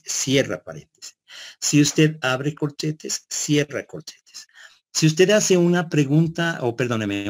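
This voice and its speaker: A male lecturer explains a point step by step to his students. He repeats words as he works out his phrasing and keeps checking in with a quick "¿no?". He often puts questions to the class. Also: mid-range voice. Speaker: university lecturer.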